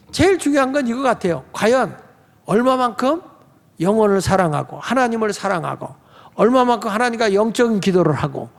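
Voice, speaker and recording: A male pastor preaching a sermon in a conversational way, putting questions to the congregation in a church sanctuary. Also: high voice. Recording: long church reverb.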